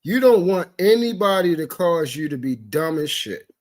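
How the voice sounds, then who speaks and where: Guy on a livestream going off, kinda high voice, swearing, stammering, keeps saying sorry. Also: big pitch swings, moderate pace. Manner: heated, profane ranting broken by repeated apologies; stammering restarts when upset. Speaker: livestream talk show regular. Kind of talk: impassioned livestream commentary.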